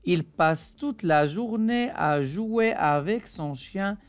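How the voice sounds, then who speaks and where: A woman teaching a reading lesson to a young child, speaking slowly and carefully and repeating each point. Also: lowish voice, expressive, dry recording. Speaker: primary school teacher.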